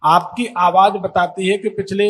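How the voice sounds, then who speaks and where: High-voiced male astrologer, assertive. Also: level tone, unhurried, a bit bright. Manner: assertive, leading questions, talks over the caller. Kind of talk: live call-in astrology consultation.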